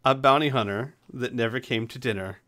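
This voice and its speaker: A man's voice: medium pitch, fairly quick, a bit bright. A man acting as game master, narrating a tabletop game and chatting casually with the players.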